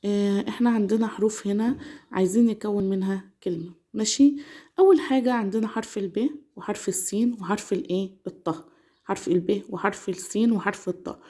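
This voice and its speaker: A young woman with an Egyptian accent teaching children to read, sounding out syllables slowly and often checking that the class is following. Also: medium pitch, mellow. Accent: Egyptian Arabic. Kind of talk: children's reading lesson.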